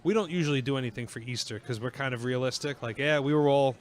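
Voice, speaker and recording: A man's voice: mid-range voice, quick pace. A man co-hosting a casual podcast, asking questions and making sarcastic jokes. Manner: wisecracking, sarcastic. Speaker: podcast co-host. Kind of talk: casual chat.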